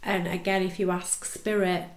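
A woman's voice: lowish voice, little pitch movement, moderate pace. A woman chatting as a podcast guest, her voice nasal and blocked with congested sinuses, as if her nose were pinched. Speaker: podcast guest, tarot reader. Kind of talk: casual podcast chat. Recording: roomy, echoey sound.

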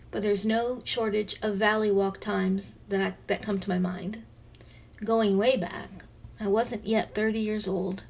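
Gravelly reflective woman in her fifties. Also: mid-range voice. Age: 50s. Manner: gentle, reflective, drops to soft near-whispers. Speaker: devotional podcast host. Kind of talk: reading a devotional aloud. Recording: voice slightly distant from the mic.

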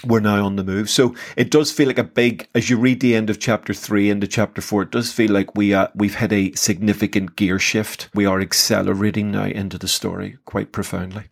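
A man's voice: on the low side, little pitch movement, fairly quick, gravelly, few pauses. A man co-hosting a podcast, talking enthusiastically about scripture and often repeating words as he thinks. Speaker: podcast co-host. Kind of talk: casual conversation about scripture.

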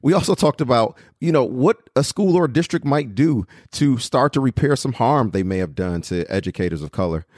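A man hosting a podcast, talking in a lively, slangy, conversational way as he interviews a guest. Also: medium pitch, fairly quick, few pauses. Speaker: podcast host. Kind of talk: casual interview.

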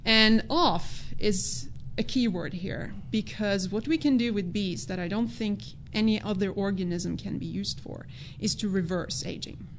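A woman who grew up in Norway, a biologist answering interview questions in a measured, explanatory way. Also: medium pitch, a little hiss or hum. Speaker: biologist guest.

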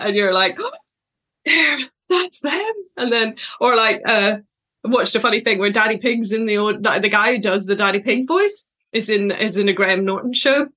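A woman speaks close to the mic in a solo podcast episode, in a voice of ordinary middle pitch. She talks in a loose, reflective way, wandering into tangents and filling pauses with ums and little laughs. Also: bright, forceful tone. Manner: chatty, reflective, digressive with frequent fillers and laughs. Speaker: podcast host and coach.

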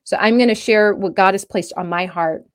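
A woman's voice: medium pitch, normal speed. A woman comedian speaking earnestly and urgently to her viewers about faith and freedom, with frequent restarts. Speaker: comedian giving a faith message. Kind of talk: impassioned direct-to-camera talk.

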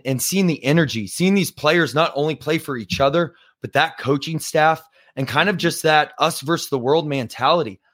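A hoarse man hosting a sports podcast, chatty and joking with lots of fillers. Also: on the high side, a bit bright, no room sound, clean studio sound. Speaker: podcast host. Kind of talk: casual sports talk.

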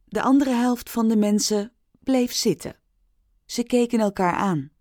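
Unhurried female storybook narrator, calm and even, dry close mic. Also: a little high, no room sound. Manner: slow, calm, clearly paced reading. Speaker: audiobook reader.

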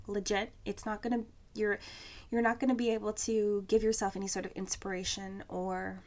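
A young woman talks on her solo podcast, relaxed and candid. Her voice sits a little high, and she keeps dropping in "like" and "um" as she goes. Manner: chatty and candid, many fillers like "like" and "um". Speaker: podcast host. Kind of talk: casual solo podcast talk.

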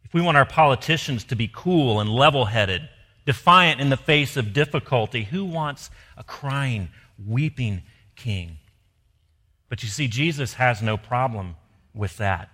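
Male preacher, bright forceful voice, sermon with rhetorical questions, long church-hall reverb. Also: mid-range voice, expressive, moderate pace. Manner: rhetorical questions, dropping to soft emphasis.

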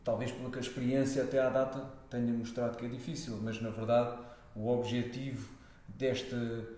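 A man's voice: medium pitch, little pitch movement, moderate pace, dark tone. European Portuguese man explaining, very echoey room. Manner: explanatory, seeks agreement with tag questions. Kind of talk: casual explanatory conversation.

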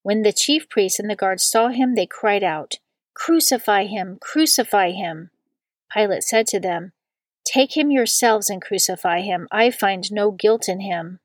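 A woman reading a long scripture passage aloud in a measured liturgical style, slowing down on the quoted words. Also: mid-range voice, dry recording. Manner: slow and deliberate on quoted words. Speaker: scripture reader.

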